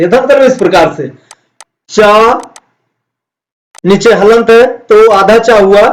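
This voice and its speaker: Slow-drilling high-voiced male teacher. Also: low-quality recording. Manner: slow, drawn-out drill of each word. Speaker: Sanskrit teacher. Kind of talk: classroom lesson explaining words.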